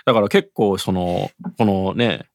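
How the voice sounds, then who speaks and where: A man's voice: low voice, fairly even intonation, unhurried, gravelly, a little mellow, no room sound, clean studio sound. A man chatting casually in a semi-polite, junior-to-senior way. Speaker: podcast host. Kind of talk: casual chat.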